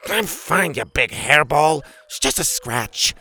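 A man voicing a rude, crabby girl who lives wild in the jungle, snapping gruffly in a storybook reading. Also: a little high, big pitch swings, slow pace, pushed and bright, voice pushed up, full character voice. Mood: grouchy.

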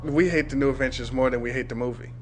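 A man's voice: mid-range voice, steady tone, quick pace, over music. A man hosting a podcast, chatting casually and jokingly about fandom in a slangy, profane way. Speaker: podcast host. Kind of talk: casual joking fan chat.

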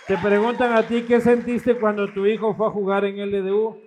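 A man's voice: high voice, level tone, moderate pace, a little mellow, some chatter behind, a little hiss or hum. A man, hosting a talk show with teasing, irreverent, profane chat. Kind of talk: casual comedic chat.

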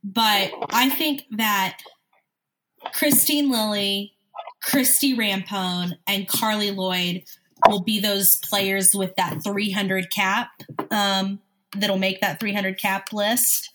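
Bright-voiced woman with a smoker's cough. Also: mid-range voice, fairly even intonation, slow, a little hiss or hum, low-quality recording. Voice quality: smoker's cough, frequent throat clearing. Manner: analytical, recites player statistics. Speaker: sports talk show host. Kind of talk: casual sports chat.

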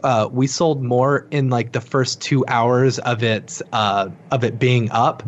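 A man's voice: mid-range voice, steady tone, takes it slowly, a little hiss or hum. A young man chatting as a podcast guest about his company, rambling with many fillers and restarts. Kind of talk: casual podcast chat. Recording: dull lo-fi sound.

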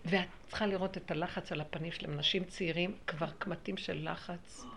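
A woman teaching a spiritual lesson to a small group, animated, acting out quotes and laughing often. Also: on the low side, vocal fry.

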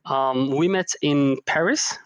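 A man's voice: fairly high pitch, takes it slowly, a bit bright, clean tone, no echo, rough recording. A man from Morocco, a guest speaking hesitantly in a casual interview, with many "um" fillers. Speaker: guest, travel startup co-founder.

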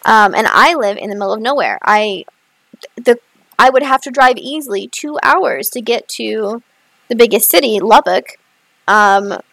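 A woman co-hosting a podcast, talking casually and excitedly with lots of fillers and big swings in pitch. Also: normal speed, gravelly, no room sound, poor audio. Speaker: podcast co-host. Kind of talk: casual chat. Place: rural area, far from a city.

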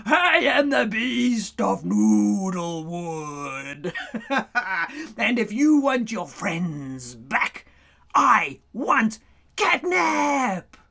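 A woman voicing a huge, mean male cat who shouts and growls slowly in a storybook reading. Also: mid-range voice, very animated, vocal fry, heavily acted. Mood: menacing.

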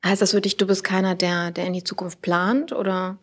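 A friendly woman hosts an interview podcast in a gallery, her voice breathy and soft-edged. She laughs easily and keeps the questions flowing. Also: fairly low pitch, little pitch movement, a little fast. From Düsseldorf. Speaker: podcast host. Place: art gallery.

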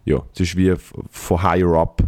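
A man with a Swiss German accent and a phlegmy smoker's rasp, chatting casually with lots of slang, swearing and emphasis. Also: sits low, level tone, normal speed, a little mellow, no echo, studio quality. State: congested with phlegm. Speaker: comedian and podcast host. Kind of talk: casual podcast banter.

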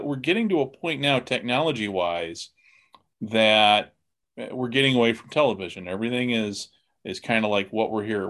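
Over a remote computer call, a man hosts a casual podcast interview with guests, rambling in a folksy way as he thinks aloud. His voice is lowish with a fairly bright tone.

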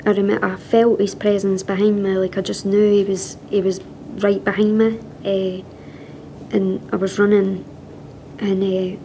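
A woman police officer giving inquiry testimony, recalling events in a halting way. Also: medium pitch, creaky, mellow, slight background noise, poor audio.

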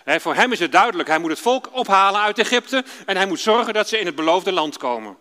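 A man's voice: sits high, expressive, quick pace. A man preaching a children's sermon in a church, telling a bible story and speaking straight to the children in a storytelling way. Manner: warm storytelling, addressing children directly. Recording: long church reverb.

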